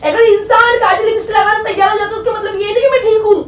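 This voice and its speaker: A young woman vlogger arguing at home, complaining sharply with rapid-fire retorts. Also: very high-pitched, little pitch movement. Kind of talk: heated domestic argument. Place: home room. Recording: echoey room from far off, faint noise.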